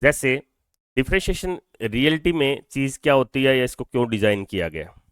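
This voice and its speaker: A man teaching a physics lesson in a dry, close-sounding voice of middle pitch. He moves between Hindi and English, poses questions to his students and then answers them himself. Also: expressive, moderate pace, fairly bright tone, clean tone, no echo. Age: adult over twenty-two. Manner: explains step by step, asking and answering his own questions; mixes Hindi with English phrases. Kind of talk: classroom lecture.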